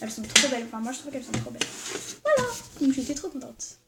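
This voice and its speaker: A high-voiced woman chats to camera as a vlogger, excitable and gushing, filling her talk with little fillers. A steady hiss of noise sits under the recording. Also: fast talker. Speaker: vlogger showing Christmas presents. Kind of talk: casual chat to camera. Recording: noisy background hiss.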